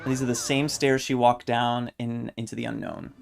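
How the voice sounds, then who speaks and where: A woman's voice: extremely low pitch, flat delivery, moderate pace, vocal fry, faint music behind. A woman hosting a movie reaction video, sharing trivia enthusiastically. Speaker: host.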